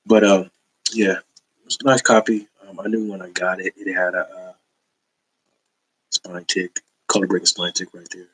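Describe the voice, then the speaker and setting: Showing off a comic book haul, a man chats loosely in slang, rambling on with lots of fillers in a laid-back way. His voice is low and fairly bright with a breathy edge, his tone level and his pace moderate with frequent pauses, all on a rough recording.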